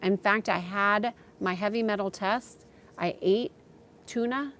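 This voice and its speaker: A woman hosting a livestream as a spiritual guide chats casually, thinking aloud haltingly as she takes viewer questions. Her medium-pitched voice is a bit bright, with slight background noise.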